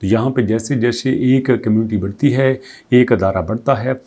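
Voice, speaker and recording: A man runs a crypto news channel, reading English passages aloud and then explaining the updates in conversational commentary. His mid-range voice is mellow and husky at a normal pace, and he fires off strings of rhetorical questions.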